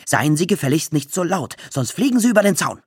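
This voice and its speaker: A man voicing a nervous, frail and breathless male musician in a read-aloud story, with a high, pleading voice that turns shrill when he is offended. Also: sing-song, normal speed, husky, dry recording, clean studio sound, heavily acted. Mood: indignant.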